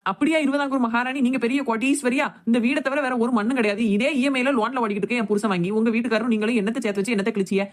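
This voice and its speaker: A woman's voice: fairly high pitch, fairly even intonation, lightly acted. A woman playing a defiant young daughter-in-law. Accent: Thoothukudi Tamil. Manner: quick, retorting back-talk. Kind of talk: cartoon voice acting.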